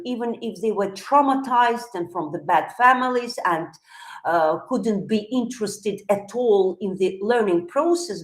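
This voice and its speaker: A woman with a fairly high voice gives a slow, thoughtful live-streamed psychology lesson. She often pauses and restarts her phrases. The room around her rings with a noticeable echo. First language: Russian. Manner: thoughtful, with frequent hesitations and restarts.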